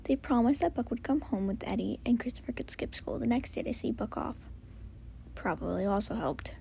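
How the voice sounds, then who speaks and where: A woman doing a soft whispered story reading at home, hushed and close. Her voice is fairly high with a gravelly fry in the whisper. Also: lively intonation, fairly quick. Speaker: story reader. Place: home with a cat.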